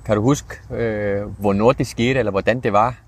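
A man interviewing someone, asking probing personal questions in a halting way and restating them as he goes. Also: on the low side, steady tone, husky.

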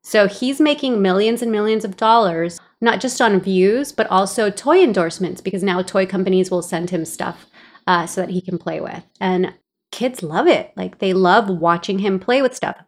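A woman's voice: mid-range voice, moderate pace. A woman from El Salvador co-hosting a podcast in casual chat, explaining things and laughing easily. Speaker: podcast co-host.

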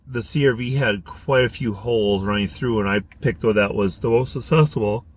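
A man's voice: medium pitch, a little fast, a little hiss or hum. A man hosting his own podcast, chatting casually and thinking aloud with lots of fillers while driving his car. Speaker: podcast host. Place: inside a car.

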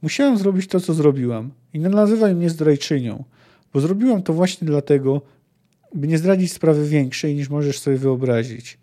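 A man reading the lines of a secretive, persuasive sorceress from a fantasy novel in an even, measured way. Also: a little high, natural voice. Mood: firm. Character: cold, secretive sorceress woman, firm and persuasive.

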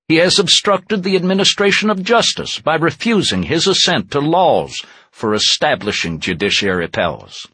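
A man giving a formal, measured, declamatory reading of an eighteenth-century document, like an orator. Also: mid-range voice, fairly bright tone, breathy edge, dry recording. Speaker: historical interpreter reading aloud.

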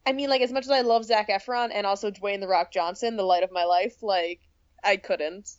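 Young woman co-host, animated and giggly, dry lo-fi mic. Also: mid-range voice, brisk, no room sound. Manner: laughs often, animated, quotes lines in put-on voices. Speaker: podcast co-host. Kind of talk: casual chat. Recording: dry, dull lo-fi sound.

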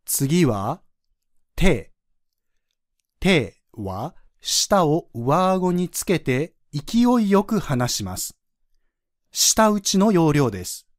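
A man's voice: on the high side, very animated, takes it slowly, no echo, clean studio sound. A man teaching French pronunciation on a podcast, patiently demonstrating sounds for listeners to repeat.

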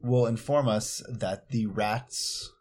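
A man's voice: lowish voice, steady tone, slow pace, darkish tone. A man taking part in a tabletop role-playing game, talking casually as a player.

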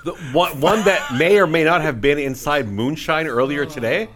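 A man's voice: a little high, moderate pace, a bit bright. A man chatting on a live podcast, wry and teasing, laying out plans. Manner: teasing, plan-making, wry. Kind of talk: casual live podcast chat. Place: busy convention hall. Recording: noisy convention crowd behind.

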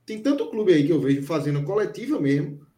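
A man's voice: on the high side, sing-song, quick pace, mellow. A man speaking bluntly and casually in a sports chat, swearing and chiming in with short agreements. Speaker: sports commentator. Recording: roomy, distant from the mic.

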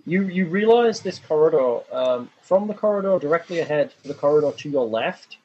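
A man running a tabletop game as game master, calmly describing the caves and calling for dice rolls. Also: a little high, a little fast, lo-fi sound, a little hiss or hum. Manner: calm, descriptive narration with restarts.

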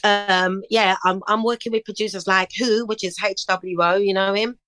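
A woman's voice: medium pitch, moderate pace, no room sound, low-quality recording. Chirpy, upbeat middle-aged woman, dry close sound. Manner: chatty, upbeat and chirpy, animated storytelling. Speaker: singer and DJ guest. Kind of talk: casual interview chat.

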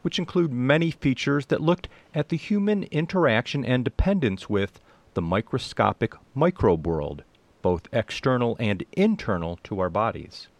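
A man's voice: mid-range voice, big pitch swings, moderate pace, no echo. A man co-hosting a science radio show, reading scripted introductions. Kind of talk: scripted narration introducing a feature.

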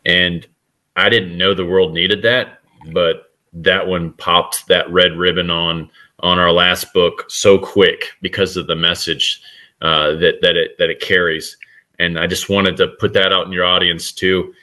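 A man's voice: sits low, little pitch movement, a little slow, sharp tone. A middle-aged man, a guest author, talking earnestly in a casual podcast interview with frequent restarts.

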